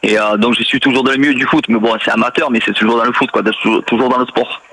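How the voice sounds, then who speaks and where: A man's voice: medium pitch, steady tone, fast, sharp tone, slightly rough, poor audio. A middle-aged man with a southern French accent, a former footballer chatting as a radio guest in a rambling, good-natured way. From south of France. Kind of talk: casual radio interview.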